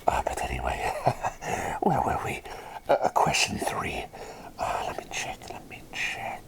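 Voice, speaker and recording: In a whispered ASMR roleplay, a man plays an eccentric, excitable plague doctor, breathy and gently doting, rambling and repeating himself with old-fashioned politeness. His pace is measured and his voice natural, his mood flustered and musing.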